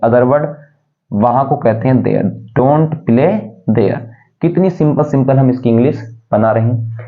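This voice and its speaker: Man teaching grammar over tinny audio. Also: medium pitch. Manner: explains step by step, asks and answers own questions. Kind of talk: classroom lesson. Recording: tinny phone-like sound.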